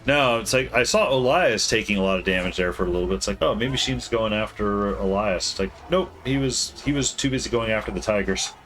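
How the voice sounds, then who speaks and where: A man streams a video game from home, rambling casually, mumbling, and correcting himself as he plays. His voice is lowish and a bit bright, a little fast with hardly any pauses, and faint music plays behind him.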